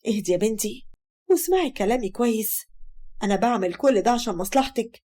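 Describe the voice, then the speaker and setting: A woman's voice: fairly high pitch, expressive, fast talker. Woman doing a harsh scheming mother. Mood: scolding. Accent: Egyptian Arabic. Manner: sharp, scolding.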